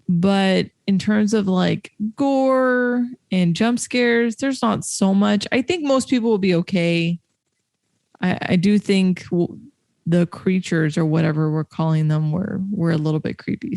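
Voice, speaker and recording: A woman on a movie podcast chats casually and with enthusiasm, repeating words to stress her praise. Her voice sits on the low side for a woman, and the recording is dry and close. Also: measured pace, creaky, darkish tone, no room sound. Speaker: podcast co-host. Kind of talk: casual movie review chat.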